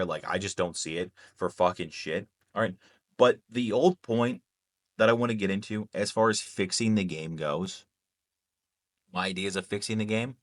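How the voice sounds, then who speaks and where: Low-voiced man ranting about games. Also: fairly bright tone, no echo, clean studio sound. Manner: heated, profane, repeats "okay?". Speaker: gaming YouTuber. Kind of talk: ranting commentary to camera.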